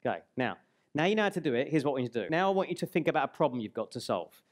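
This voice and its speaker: A man in his forties giving a live seminar on a hall stage into a headset mic, guiding the audience through an exercise and slowing on key words. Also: medium pitch, sing-song. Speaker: speaker and trainer.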